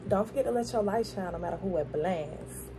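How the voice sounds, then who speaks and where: A woman's voice: mid-range voice, a little fast, background noise. A woman from Florida, talking with a dental grill in her mouth in a casual spiritual pep talk, repeating phrases for emphasis. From Florida, USA. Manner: affirming, repeats phrases for emphasis, checks in with "okay?". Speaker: spiritual tarot card reader.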